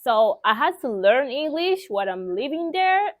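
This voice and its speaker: High-pitched and very animated, a young Mozambican woman speaks at normal speed on a dry, studio-quality recording. She's a vlogger whose native language is Portuguese, and she shares personal stories with viewers casually, candidly, and emphatically, in a Mozambican accent.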